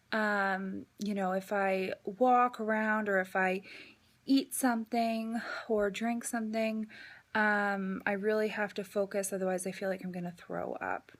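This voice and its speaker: A woman vlogger talks casually through a personal update. Her voice sits at a middle pitch, and her delivery is halting, with drawn-out pauses between phrases. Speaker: vlogger giving a health update.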